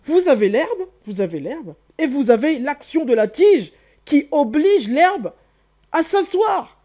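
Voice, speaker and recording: In an online video lesson on hieroglyphs, the male host guides viewers one step at a time, taking it slowly in a very high, sing-song, mellow voice. He frequently exclaims and repeats key terms, and keeps asking questions only to answer them himself.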